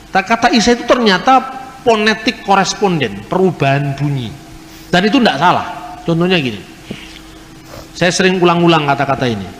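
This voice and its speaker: Man explaining scripture, kinda high voice, big echoey hall, faint hiss. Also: fairly bright tone. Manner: explanatory, mimics regional pronunciations. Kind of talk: lecture.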